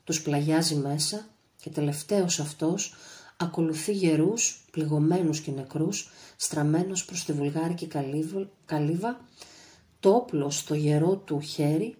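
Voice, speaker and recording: In a measured, dramatic audiobook style, a woman narrates a literary novel. Her voice is steady and deliberate, pitched very low for a woman.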